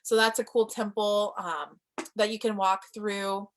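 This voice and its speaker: Brief: woman, mid-pitch, chatty and enthusiastic, informal live-stream teacher. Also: flat delivery, a little slow, a little hiss or hum. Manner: enthusiastic, chatty, reads viewer comments. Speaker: spiritual teacher.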